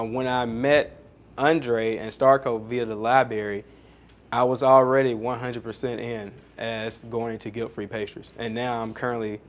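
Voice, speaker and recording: A man, a pastry chef and founder, answering audience questions at a coworking space event in a chatty, rambling, self-deprecating way full of fillers. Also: medium pitch. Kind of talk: casual onstage Q&A answers.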